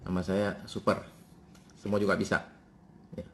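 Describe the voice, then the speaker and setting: A male pastor, preaching a sermon in a church and telling family stories with lively swings in pitch. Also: normal speed, a little hiss or hum.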